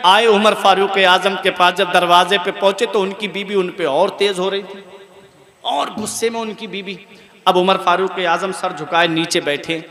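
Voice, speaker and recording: A man preaching a sermon at a wedding gathering. He tells a story and asks rhetorical questions, and his delivery rises to forceful exhortation. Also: high voice, fairly even intonation, normal speed. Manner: impassioned, rising to forceful exhortation. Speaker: Islamic preacher. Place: wedding gathering on a public address system. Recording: long reverberant hall sound with crowd noise.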